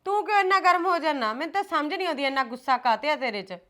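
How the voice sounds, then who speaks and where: A woman's voice: sits high, expressive, fast, pushed and bright. A middle-aged actress playing a patient mother who soothes and admonishes her grown children. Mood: soothing. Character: patient mother pleading for family peace. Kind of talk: film drama dialogue.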